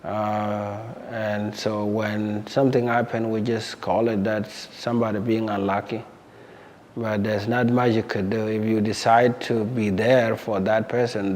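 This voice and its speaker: Guy, lowish voice, slow careful telling, lots of reverb. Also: darkish tone, a little hiss or hum. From South Sudan. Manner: measured, plain-spoken, often pauses and repeats words. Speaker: interviewee. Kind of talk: recounting his life story. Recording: long hall reverb.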